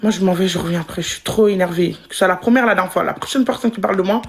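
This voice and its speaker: A woman's voice: mid-range voice, very fast, gravelly. A woman livestreamer in a heated, repetitive, confrontational rant, full of slang, talking straight at her viewers. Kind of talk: angry live-stream rant.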